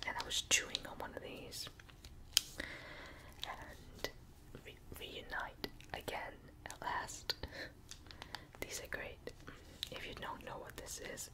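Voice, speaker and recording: A young person speaks entirely in a soft whisper, very slowly and without hurry. The delivery is a casual ASMR ramble, breathy and intimate, placed right up at the ears through a close binaural microphone. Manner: whispering ear to ear, close to the listener. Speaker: ASMR video maker.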